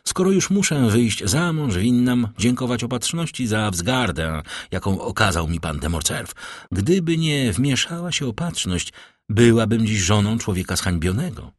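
A man reading an audiobook, voicing a proud, outspoken young woman who speaks sharply and emphatically in a husky voice. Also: lowish voice, big pitch swings, normal speed, dry recording, clean studio sound. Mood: firm.

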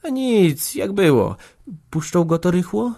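A man's voice: on the high side, takes it slowly, gravelly, darkish tone, pitched above the performer's own voice. A man reading aloud who voices a fearful, strong-willed young peasant woman in a raised voice. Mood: anxious pleading. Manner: fearful, pleading. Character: anxious, determined peasant woman, young adult.

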